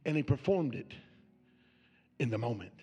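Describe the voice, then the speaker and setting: A man's voice: mid-range voice, big pitch swings, moderate pace, warm tone, slightly rough, muffled recording. A man preaching a sermon as pastor, building with repeated questions.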